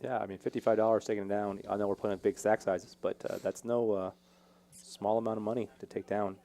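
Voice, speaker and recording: A man's voice: on the low side, flat delivery, brisk, dark tone. A man giving casual, bantering commentary on a poker game.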